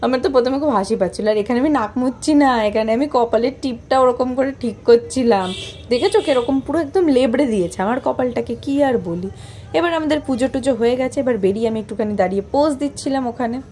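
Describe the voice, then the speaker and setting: A woman's voice: a little high, fast talker, dark tone, a little hiss or hum. Chatty young woman narrating her vlog. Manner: chatty, playful, self-mocking, with many fillers. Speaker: vlogger. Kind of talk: casual voice-over narration of a vlog.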